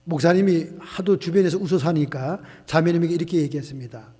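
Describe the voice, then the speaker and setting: High-voiced pastor in an echoing hall. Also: male voice, quick pace, dark tone, husky. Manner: acts out dialogue in the story with shifting voices. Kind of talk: sermon storytelling. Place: church sanctuary. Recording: long church hall reverb.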